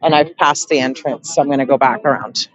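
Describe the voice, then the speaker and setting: A woman's voice: very deep voice, steady tone, a little fast, lo-fi sound. A woman hosting a casual live stream from an outdoor protest, chatting with lots of fillers and laughs. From Canada. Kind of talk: casual street interviewing.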